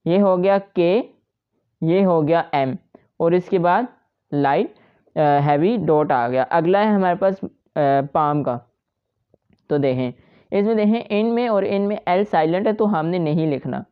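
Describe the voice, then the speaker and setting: A woman with a lowish, smooth, resonant voice talks students through a shorthand lesson. She explains each outline patiently and repeats herself often. The recording sounds a little dull and lo-fi. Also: measured pace, pauses often. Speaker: shorthand teacher. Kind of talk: step-by-step tutorial.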